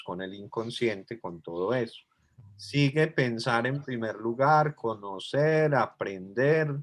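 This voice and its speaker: A man's voice: on the low side, a bit bright. A man teaching an online class, explaining patiently and thinking aloud as he goes.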